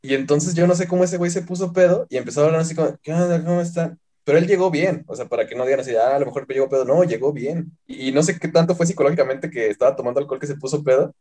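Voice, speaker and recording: Young Mexican man, podcast guest: quick, rambling slang, warm dark tone. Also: a little high. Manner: slangy, rambling, swears freely. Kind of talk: casual chat.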